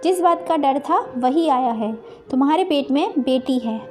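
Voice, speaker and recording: A woman plays a stubborn, hot-tempered husband in a moral storybook tale. The voice stays high and mellow. He argues bluntly and raises his voice. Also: animated, moderate pace. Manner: stubborn, shouting. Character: stubborn angry husband, middle-aged man.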